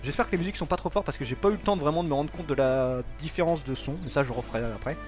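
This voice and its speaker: A man's voice: on the high side, rapid-fire, soft background music. A man casually commenting on a video game he plays, chatty, apologetic and self-mocking. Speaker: let's play gamer.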